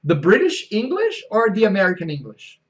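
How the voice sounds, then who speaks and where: A man with a Brazilian Portuguese accent hosting an interview in English, halting with many fillers. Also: high voice, huge pitch swings. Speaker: host, English teacher. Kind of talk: casual interview. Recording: dull lo-fi sound.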